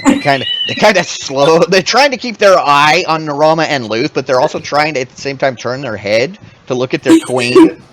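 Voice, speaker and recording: A man acting as game master, narrating a tabletop game in an animated, rambling way full of restarts. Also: on the high side, moderate pace, noisy background.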